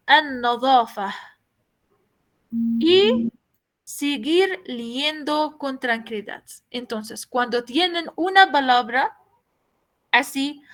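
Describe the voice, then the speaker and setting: A woman's voice: sits high, fairly bright tone. A woman teaching a language class, explaining patiently, repeating each point and asking her students questions. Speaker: Arabic teacher.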